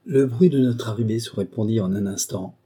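A man reading a memoir aloud as audiobook narrator in a measured storytelling tone. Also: fairly low pitch, warm tone, breathy edge. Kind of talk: scripted narration.

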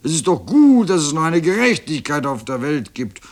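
A man's voice: fairly high pitch, sing-song, normal speed, darkish tone, pitched above the performer's own voice. A man voicing the oldest and angriest cow in a read-aloud children's story, threatening and scolding. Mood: furious. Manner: angry, threatening.

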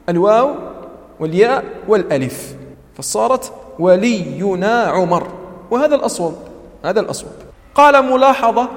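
High-voiced tajweed teacher in echoey classroom. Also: male voice. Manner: repeats key terms and quizzes students; recites Quranic words slowly as examples. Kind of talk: classroom lecture. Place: classroom with students.

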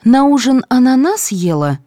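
A woman voicing a kindly, fussing head nurse who coaxes and gently scolds a patient. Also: high-pitched, very animated, normal speed, no room sound, studio quality, voice pushed up. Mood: scolding.

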